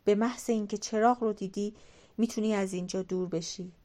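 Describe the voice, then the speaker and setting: A woman voicing the giant's cautious wife in an audiobook folk tale, giving urgent, low warnings. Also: fairly even intonation, mellow, natural voice. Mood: hushed.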